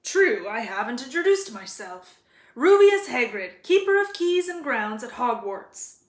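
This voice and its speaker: A woman voicing a gruff, hearty giant man with booming rustic speech in a storybook read-aloud. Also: sing-song, a little slow. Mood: hearty, friendly. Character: gruff, hearty giant man, friendly but quick-tempered. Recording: roomy echo.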